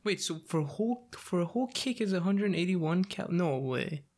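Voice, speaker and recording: A young man co-hosting a casual podcast chat, excitable, swearing freely and laughing often. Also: high-pitched, moderate pace. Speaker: podcast co-host.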